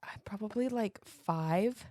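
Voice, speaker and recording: A woman's voice: medium pitch, unhurried, a little mellow, no room sound, clean studio sound. A woman in her thirties co-hosting a podcast, telling a childhood story in casual, self-mocking chat with plenty of swearing. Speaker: podcast co-host.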